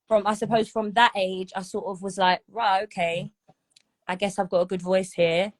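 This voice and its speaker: "Do you know what I mean?" comes up often as this singer, a woman in her thirties, chats casually as an interview guest. Her mid-range voice moves at a moderate pace with little change in pitch.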